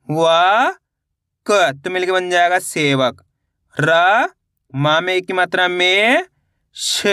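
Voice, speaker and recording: A man teaching Hindi reading in an online lesson, spelling out syllables slowly and patiently and asking viewers to repeat. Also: high-pitched, bright, forceful tone, clear, resonant tone, dry recording, studio quality.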